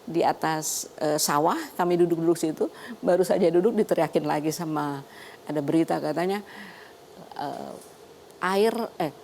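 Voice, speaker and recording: An older woman doctor, a guest on a talk show, telling her story in a lively way and laughing often. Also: deep voice, normal speed, creaky, pauses often, a little hiss or hum.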